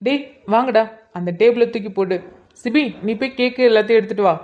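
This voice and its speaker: A woman's voice: on the high side, quick pace, lightly acted. Woman voicing a caring young brother, lo-fi. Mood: bossy. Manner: bossy, caring, earnest. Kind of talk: cartoon drama voice acting.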